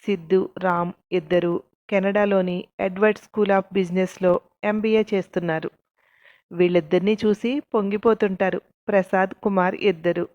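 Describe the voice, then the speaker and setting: A woman's voice: mid-range voice, steady tone, normal speed, no echo, lo-fi sound. A woman narrating a family love story from a script, reading every character's lines herself with small shifts of voice. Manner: reads all the parts herself, with light shifts for quoted lines.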